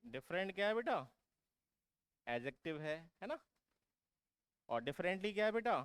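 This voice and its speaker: In a clean recording with no room sound, a man with a high, sing-song voice teaches exam vocabulary at a moderate pace. He keeps posing questions to his students, calling them "beta," then answers them himself. His explanations are repetitive and drill-like, typical of an exam-prep vocabulary lesson.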